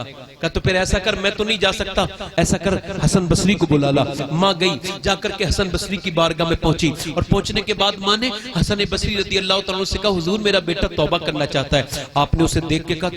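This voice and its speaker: A male preacher telling a tearful religious story to a gathering, acting out voices and building to impassioned shouts. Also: high-pitched, fairly quick. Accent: Indian Urdu-Hindi. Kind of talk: emotional religious storytelling sermon. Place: religious gathering before a crowd. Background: crowd.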